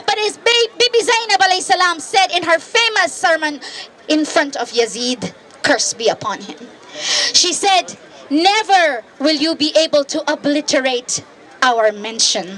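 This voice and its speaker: A woman's voice: very high-pitched, lively intonation, moderate pace, a bit bright, poor audio. A woman giving an impassioned, rousing speech to a demonstration outdoors, her voice breaking with emotion at times. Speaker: protest speaker.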